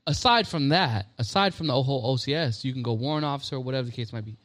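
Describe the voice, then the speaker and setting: A man's voice: medium pitch, a bit bright. A man, a Navy chief co-hosting a podcast, asking probing questions and chiming in often during casual chat. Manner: probing, quick to interject.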